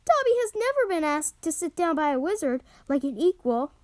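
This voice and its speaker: A woman voicing a small, tearful, devoted male house elf with a high, squeaky voice and an earnest, servile manner. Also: sing-song, fairly quick, darkish tone, no echo, studio quality. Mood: anguished. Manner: earnest, servile, always says sir. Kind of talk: audiobook character reading.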